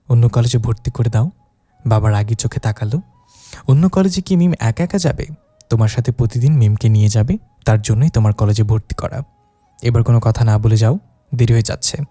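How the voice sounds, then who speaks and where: A man reading a romantic story in the first person, voicing every character and raising his pitch for the young wife. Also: warm tone, no echo. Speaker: narrator. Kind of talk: scripted story narration with voiced dialogue.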